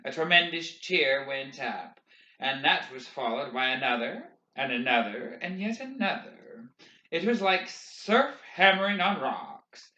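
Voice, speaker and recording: A man reading a novel aloud in expressive, measured audiobook narration. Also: mid-range voice. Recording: roomy, dull lo-fi recording.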